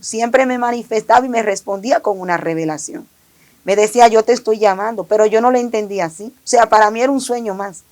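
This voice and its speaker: A woman with a medium-pitched, darkish voice gives an earnest, emotional testimony of her personal faith, often repeating her phrases as she retells it.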